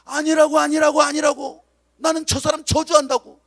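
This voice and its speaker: A man voicing a male disciple who first boasts loudly, then pleads in panicked denial. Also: very high-pitched, a little fast, pitched above the performer's own voice, exaggerated voice. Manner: loud, pleading, insistent.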